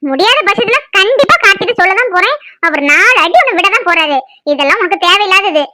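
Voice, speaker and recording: A woman's voice: very high-pitched, animated, fast, bright, forceful tone, exaggerated voice. A woman voicing a frightened young wife in a cartoon, pleading and scolding by turns. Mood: angry. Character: frightened young wife, tearful and sharp-tongued. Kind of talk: cartoon voice acting.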